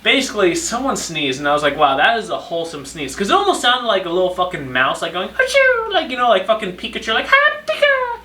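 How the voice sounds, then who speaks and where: Lively, bright-voiced young man telling stories. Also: sits high, fast, hardly any pauses. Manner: sarcastic, profane, rambling. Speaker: podcast host. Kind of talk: casual storytime monologue. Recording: echoey room, distant mic.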